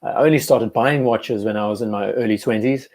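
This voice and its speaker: A man's voice: on the low side, a little fast, a little mellow. A man in his twenties hosting a live stream, chatting casually and reacting to viewers' comments as he goes. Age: 20s. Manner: chatty, reads live chat aloud, self-correcting. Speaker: host. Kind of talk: casual livestream chat.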